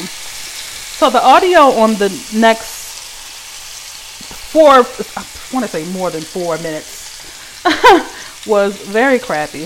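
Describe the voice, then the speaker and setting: A young woman hosts her podcast from her kitchen, chatting casually to listeners and calling them y'all. She has a medium pitch and an easy, conversational delivery. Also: fairly bright tone, slight background noise. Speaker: podcast host. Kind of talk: casual solo podcast chat. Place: home kitchen while cooking.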